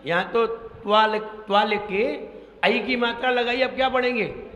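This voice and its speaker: A man's voice: very high-pitched, moderate pace, a bit bright, muffled recording. A man gives a sermon on pronunciation. He repeats himself, quizzes his listeners and spells words out letter by letter. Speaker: Jain monk preacher. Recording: echoey hall with long reverb.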